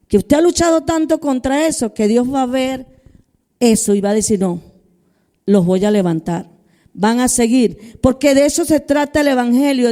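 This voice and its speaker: Warm-toned woman pastor preaching conversationally. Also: high-pitched. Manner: conversational preaching, addresses congregation directly; acts out quoted prayers and inner voices. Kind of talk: sermon.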